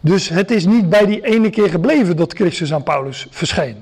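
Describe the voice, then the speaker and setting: High-voiced man giving a hesitant sermon. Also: lively intonation, moderate pace, a little mellow. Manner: explanatory, many hesitations and restarts. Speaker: preacher.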